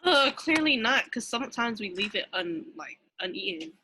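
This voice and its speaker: A woman's voice: medium pitch, sing-song, moderate pace, noisy background. A young woman co-hosting a podcast, chatting bluntly, complaining and swearing freely. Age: young adult. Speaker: podcast co-host. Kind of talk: casual chat.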